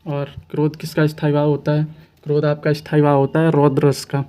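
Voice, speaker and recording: Mellow-voiced male exam coach, flat delivery. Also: on the high side, a little fast, clear, resonant tone. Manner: patient, repeats questions and answers, asks rhetorical questions. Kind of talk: explaining quiz answers to students.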